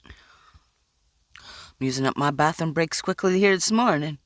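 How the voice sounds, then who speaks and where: A woman's voice: sits low, animated, normal speed. A sleep-deprived woman vlogging from inside a car, giggly and rambling as she talks to herself. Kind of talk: casual vlog talk.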